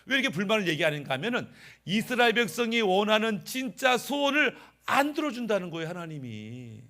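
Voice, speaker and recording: Animated bright-voiced male pastor. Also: high-pitched, brisk. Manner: animated, swings between raised voice and quiet asides. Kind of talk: Sunday sermon.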